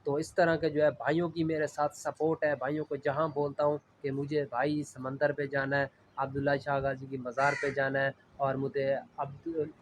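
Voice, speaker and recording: A man's voice: a little high, little pitch movement, normal speed, hardly any pauses, slight background noise, rough recording. A man from Punjab, Pakistan, talking casually to camera as a vlogger, earnest and rambling with a repeated filler phrase. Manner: earnest, rambling, heavy use of the filler "jo hai".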